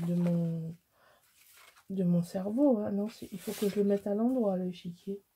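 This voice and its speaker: Woman, middle-aged, from Alsace, very dark mellow voice, husky, rambling crafting chat. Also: medium pitch. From Alsace, France. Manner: rambling, self-mocking, many restarts. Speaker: scrapbooking crafter. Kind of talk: casual crafting tutorial chat.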